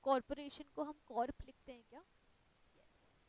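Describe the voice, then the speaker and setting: A woman's voice: sits high, steady tone, moderate pace, no room sound, rough recording. A woman with an Indian accent teaching an online exam-prep lecture, explaining patiently in mixed Hindi and English and checking in with "right?".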